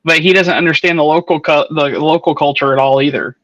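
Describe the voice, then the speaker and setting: A man chats about a novel in a casual online book club, working through his points with musing asides. His voice is bright and a touch high. The recording is dull and lo-fi, with a very dry sound. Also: steady tone, fast talker, no echo. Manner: explains things at length with musing asides.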